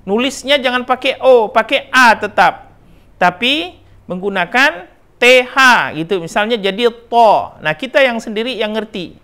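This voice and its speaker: With a very high, expressive voice that is bright, forceful, clear and resonant, a middle-aged Indonesian-accented man teaches Quran recitation a little slowly. He stretches syllables to demonstrate, repeats correct and incorrect forms, and keeps checking in with "nah" and "ya."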